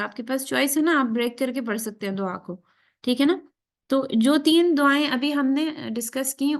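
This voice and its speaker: A woman teaching a tajweed class, slipping English phrases into her talk and often checking that students follow. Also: sits high. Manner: keeps checking in with students after each point; mixes English phrases into Urdu. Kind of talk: class lecture.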